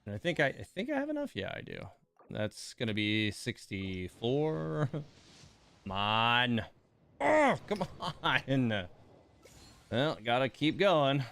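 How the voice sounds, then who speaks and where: A man hosting a gaming livestream muses casually, thinking aloud as he talks his choices through to himself. His medium-pitched voice swoops wildly and moves slowly, with vocal fry and a clear, resonant, slightly bright tone.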